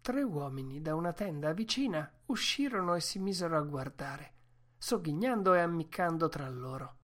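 Low-voiced woman reading a novel aloud. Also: expressive, normal speed, fairly bright tone. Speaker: audiobook reader. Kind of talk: scripted narration.

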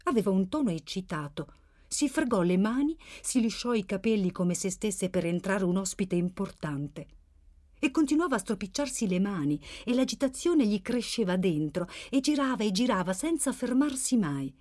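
A woman with a mid-range voice narrates a novel as an audiobook reader, using a measured, expressive literary style.

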